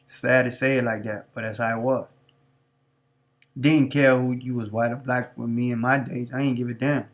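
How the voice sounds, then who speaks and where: A man's voice: mid-range voice, little pitch movement, moderate pace. A man hosting a live stream, talking off the cuff in a preachy, repetitive, street-talking way. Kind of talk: unscripted monologue.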